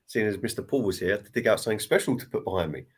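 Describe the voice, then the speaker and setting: Deep husky man, halting speech. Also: expressive. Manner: halting, repeats words. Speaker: co-host. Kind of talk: casual live-stream chat.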